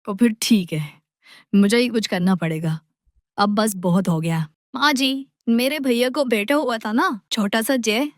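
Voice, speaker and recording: A woman's voice: fairly high pitch, measured pace, no echo, clean studio sound, natural voice. A woman voicing a clever young daughter-in-law in a cartoon, pleading at times and sly at others. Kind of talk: cartoon voice acting.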